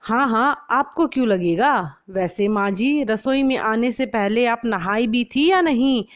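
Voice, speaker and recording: A woman's voice: on the high side, measured pace, muffled recording, lightly acted. A woman voicing a young, bossy daughter-in-law who fusses over a spotless kitchen and scolds sharply.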